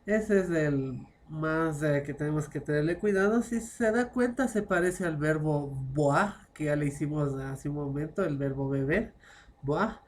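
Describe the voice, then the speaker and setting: A woman's voice: deep voice, unhurried, darkish tone, slight background noise. A woman teaching a French class online, explaining patiently and constantly checking understanding with short tag questions. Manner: explains patiently, mixing French phrases into Spanish.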